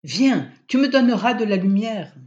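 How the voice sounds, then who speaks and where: A man's voice: high-pitched, lively intonation, moderate pace, darkish tone, dull audio, pitched above the performer's own voice. A reader voicing Alain, an anxious young husband fussing over his injured cat, speaking urgently and sharply.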